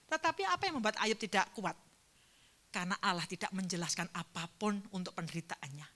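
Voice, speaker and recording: A woman pastor preaches at a church service, telling a personal story with emotion and shifting between fervent and hushed speech. Her mid-range voice moves through big pitch swings at a brisk pace.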